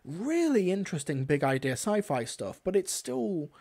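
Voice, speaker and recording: A young man with a high, sing-song voice that is gravelly and darkish speaks at a moderate pace. He hosts a livestream from a small room at home, giving casual review commentary into a desk microphone placed close in front of him.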